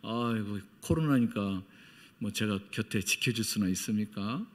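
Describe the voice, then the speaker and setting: A middle-aged man preaching as a missionary, telling his story with feeling and acting out the voices of people he quotes. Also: normal speed. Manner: emotional storytelling, acts out quoted dialogue with big swings in pitch and loudness. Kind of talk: sermon. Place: church. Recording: long church-hall reverb.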